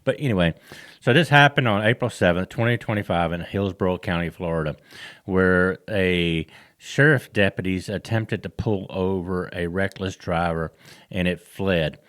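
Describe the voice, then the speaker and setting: A man with a very deep voice chats casually to his viewers. He sets up a clip in a relaxed way and jokes about himself now and then. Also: moderate pace. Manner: relaxed, chatty, self-joking. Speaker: video host. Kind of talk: casual video intro.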